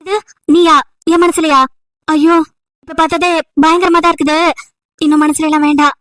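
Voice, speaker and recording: In an amateur audio drama, a woman plays an annoyed, sharp-tongued young college student, scolding with sarcastic rhetorical questions. Her voice sits high with a flat delivery at normal speed, and there is no echo.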